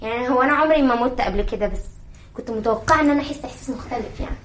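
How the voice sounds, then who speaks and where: A woman's voice: on the high side, rapid-fire, a little hiss or hum, lightly acted. An Egyptian woman playing a naive, chatty, clingy young sister who has just died, in an amateur stage drama. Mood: puzzled.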